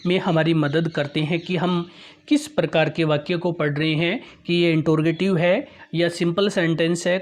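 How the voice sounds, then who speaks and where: A teacher explaining a grammar lesson patiently, repeating points and often telling listeners to look, with English terms mixed in. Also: mid-range voice. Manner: mixes English terms into Hindi.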